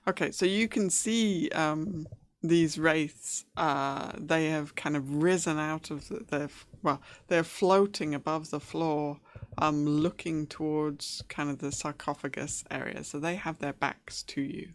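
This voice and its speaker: Woman, game master, low voice, slow unhurried pace, hesitant, lots of fillers. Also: fairly even intonation. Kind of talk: narrating a tabletop game.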